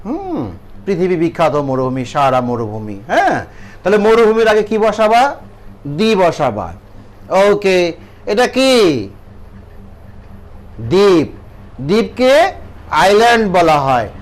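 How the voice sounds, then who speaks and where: A man's voice: high-pitched, very animated, slow pace, long pauses. A man with a Bangladeshi accent teaching an English grammar lesson to children, asking questions and answering them himself. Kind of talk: classroom lesson.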